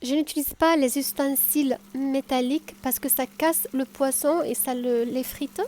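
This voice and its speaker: A woman with a southern French accent, calmly explaining a cooking tutorial step by step, with frequent hesitations. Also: sits high, moderate pace. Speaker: home cook.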